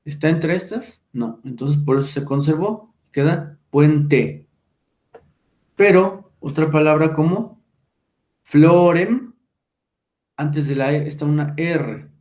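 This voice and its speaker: Male lecturer, slow and mellow, fairly high-pitched for a man, recorded in an echoey room, checks in with listeners as he goes. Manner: drawn-out, careful enunciation of example words. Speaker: teacher.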